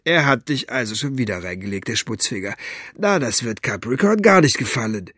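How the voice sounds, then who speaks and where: A man's voice: medium pitch, expressive, fairly quick, sharp tone, husky, dry recording, studio quality. A man voicing a coarse, smug male henchman who mocks and gloats. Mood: gloating. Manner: gloating, sneering, grunting.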